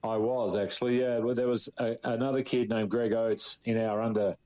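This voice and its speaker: A man's voice: mid-range voice, flat delivery, normal speed, a little mellow, muffled recording. A man in his fifties with an Australian accent, a guest in an interview, telling long rambling stories full of restarts and "you know". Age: 50s. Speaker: interview guest, former footballer. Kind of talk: relaxed storytelling.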